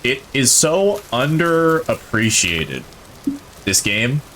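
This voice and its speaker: A man's voice: medium pitch, big pitch swings, takes it slowly, sharp tone, a little hiss or hum. A male streamer giving casual, chatty gameplay commentary, rambling and thinking aloud, enthusiastic about what he plays.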